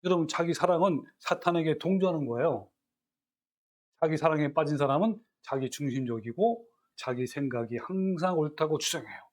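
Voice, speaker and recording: A man's voice: fairly high pitch, lively intonation, moderate pace. A man preaching a sermon as a pastor, asking his listeners questions and acting out quoted scripture.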